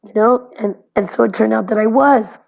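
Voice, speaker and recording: A woman's voice: on the high side, normal speed, gravelly, a little mellow. A woman talking to her camera in a casual confessional video diary, anxious and rambling, with many fillers and restarts. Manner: swears bluntly. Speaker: vlogger recording video diaries.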